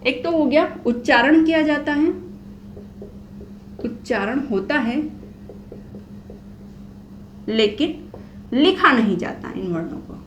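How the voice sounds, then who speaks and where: A young woman with a high voice gives a whiteboard lesson on Hindi grammar, repeating key phrases and asking questions she then answers herself. A little hiss or hum sits under the recording.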